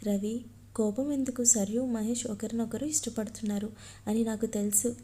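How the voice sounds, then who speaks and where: A woman reading a love story aloud, naming each speaker before their line in a flat, even voice. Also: on the high side.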